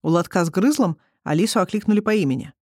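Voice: medium pitch, fast talker, dry recording. Dry, close audiobook narrator. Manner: even storytelling reading. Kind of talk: scripted narration.

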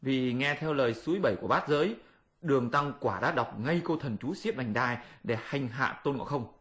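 A man narrating a classic tale as an audiobook, in a steady storytelling manner. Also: medium pitch, normal speed.

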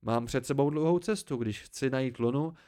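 A stubborn, unsmiling fairy-tale boy, read by a man, calm and firm in each claim. Told as a homemade storybook audiobook. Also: mid-range voice, lightly acted. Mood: solemn. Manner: flat, unsmiling. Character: solemn stubborn boy seeking the moon.

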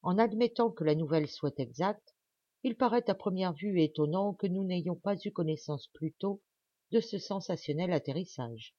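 Brief: woman audiobook reader, measured narration, medium pitch; dry, slightly dull home recording. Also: warm tone, no echo.

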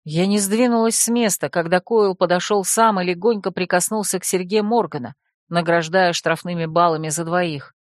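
A woman's voice: on the low side, moderate pace, no room sound, studio quality. Woman narrating a first-person audiobook.

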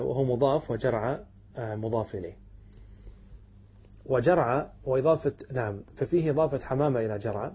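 A man teaching a classical Arabic rhetoric lesson, explaining a text step by step, checking that his students follow and reciting quoted verse slowly. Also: medium pitch, slightly rough. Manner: explains step by step, checks understanding with "تمام؟" and "نعم". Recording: dull lo-fi lesson recording.

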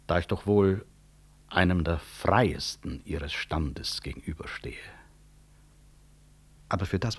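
A male actor with a very deep, husky, exaggerated voice plays a proud, composed middle-aged physician and professor in a 1960s radio play. His delivery is formal and measured, laced with grave irony.

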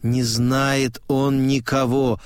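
A man reading a literary novel aloud in calm, measured audiobook narration. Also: mid-range voice, clear, resonant tone, no echo, clean studio sound. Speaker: audiobook reader.

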